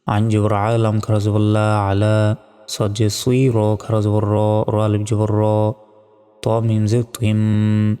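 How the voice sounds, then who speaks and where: A man teaching Quran recitation, carefully spelling out each letter and vowel mark, then chanting the words in long drawn-out tones. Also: lowish voice, completely flat delivery, mellow, smooth, long reverb tail, soft background music. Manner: slow, deliberate spelling out, drawn-out melodic recitation.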